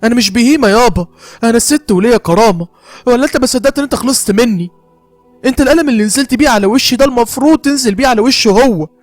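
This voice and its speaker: A man's voice: extremely high pitch, no echo, faint music behind. A man voicing a long-suffering middle-aged Egyptian mother who is bitter but devoted, speaking with an Egyptian Arabic accent in emotional, pleading bursts. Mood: bitter, indignant. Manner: emotional, pleading, rapid outbursts. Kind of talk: horror story narration.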